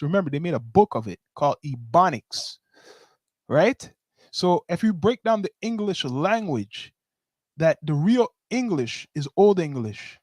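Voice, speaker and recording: Higher-voiced Toronto man explaining things casually. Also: no room sound. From Toronto, Canada. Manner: explanatory, repeats and checks with "right?". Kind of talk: casual discussion.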